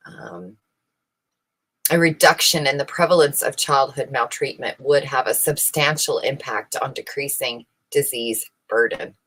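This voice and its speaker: With a rumbling low voice, a fairly bright tone and a breathy edge, this woman reads research papers at a measured pace and offers casual, opinionated, emphatic commentary. She often turns to the listener with rhetorical questions.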